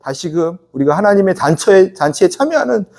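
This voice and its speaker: A male pastor preaching a sermon in a church, animated, often asking the congregation questions and joking with them. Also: sits high, fairly quick. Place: church sanctuary.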